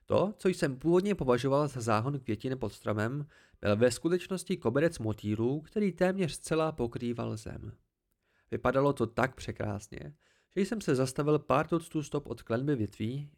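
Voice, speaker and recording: Man, amateur audiobook narrator, calm, steady, mid-pitched. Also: gravelly.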